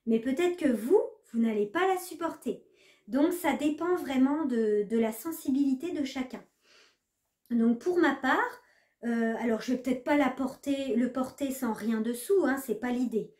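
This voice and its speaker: A woman's voice: high-pitched, normal speed, a little mellow. Chatty woman vlogger in an echoey room. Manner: chatty, hesitant with many fillers. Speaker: knitting vlogger. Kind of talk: casual chat to camera.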